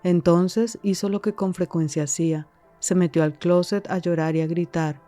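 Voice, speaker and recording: A woman reading scripted podcast narration in a measured, calm way. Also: on the low side, faint music behind.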